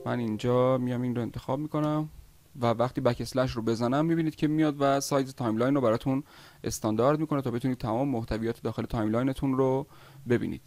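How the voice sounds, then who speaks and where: A man teaching video editing software step by step in a screen-recorded tutorial, pausing often with "uh" as he explains. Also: medium pitch, no echo. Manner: step-by-step explaining, with frequent "uh" pauses.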